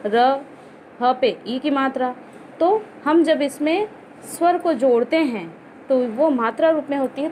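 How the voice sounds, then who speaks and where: High-voiced woman teaching young children. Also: darkish tone, slight background noise. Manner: slow, patient explaining with many rhetorical questions. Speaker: school teacher. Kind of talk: classroom lesson for young children.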